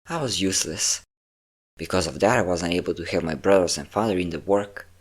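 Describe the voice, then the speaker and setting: Wistful and reminiscing, a man in a low-pitched, natural voice plays an age-old vampire murmuring to his captive in an intimate scripted audio roleplay aimed at a listener. He dotes while staying possessive, coaxing with teasing pet names.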